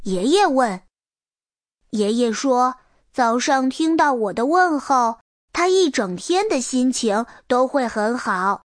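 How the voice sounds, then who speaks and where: Woman narrator for a children's storybook, high, unhurried, gentle. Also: expressive, no room sound, studio quality. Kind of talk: storybook read-aloud narration.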